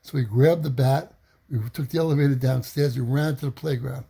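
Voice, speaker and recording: A man telling a childhood story in an animated way, acting out the voices of the people in it. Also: medium pitch, fairly quick, vocal fry, breathy edge. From New York City. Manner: animated, acts out quoted voices. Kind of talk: personal storytelling.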